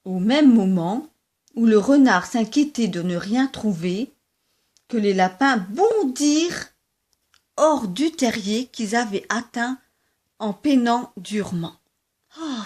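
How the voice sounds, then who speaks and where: A woman reading a children's story aloud in a gentle, lively storytelling manner. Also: a little high, slow.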